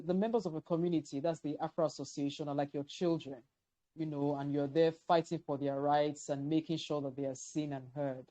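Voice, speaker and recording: A woman with a low, mellow voice hosts an interview over a video call. As she asks her questions, she often stammers, repeating words and restarting her sentences.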